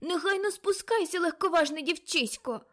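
A woman reading an audiobook, voicing an elderly great-aunt who sees visions in a trance, her voice raised high and loud. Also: measured pace. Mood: exhilarated. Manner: dreamy, then shrill and frightened.

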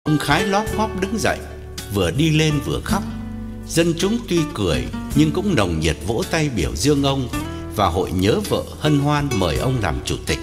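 Male storyteller with guitar backing. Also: normal speed. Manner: expressive storytelling, wide pitch swings. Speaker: audiobook narrator. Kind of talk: scripted story narration. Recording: long hall reverb, guitar music behind.

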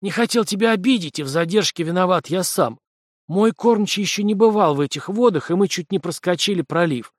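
An easygoing Norse jarl, as a male narrator puts him on, friendly and conciliatory, pitched somewhat high. Dry, close sound. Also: brisk, dry recording.

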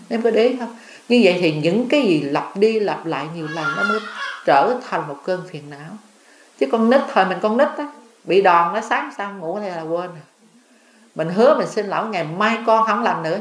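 A woman's voice: lowish voice, roomy sound. An older woman, a Buddhist nun, giving a dharma talk, telling stories and asking her listeners questions. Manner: storytelling, asks listeners questions.

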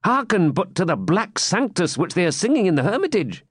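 A man's voice: high-pitched, very animated, fairly quick, slightly rough, no echo, clean studio sound, voice pushed up, exaggerated voice. A man playing a sly mocking jester. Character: wry male jester, mocking and playful.

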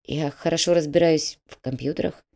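A woman voicing a timid young orphan man who speaks quietly and shyly. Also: sits low, fairly quick, close to an everyday voice. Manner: quiet, shy.

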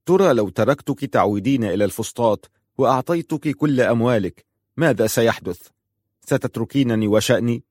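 A man's voice: medium pitch, darkish tone, husky, no room sound, clean studio sound, natural voice. A man reading a storybook, voicing an angry, bitter man who accuses his cousin in heated questions.

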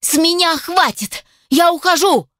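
A woman voicing a furious young elf woman assistant in an audiobook, with shrill, squealing outbursts. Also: measured pace, a bit bright, no echo, studio quality. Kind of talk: audiobook character voice.

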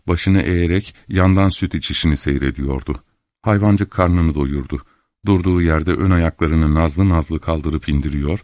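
A man calmly narrating a literary novel in the first person as an audiobook reader. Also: low voice, no echo, clean studio sound. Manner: calm, measured storytelling.

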